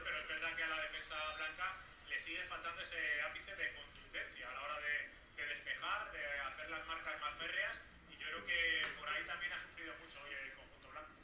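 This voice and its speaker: A male football analyst explaining a live match in a slightly high, even voice. He sounds roomy and a little distant from the mic.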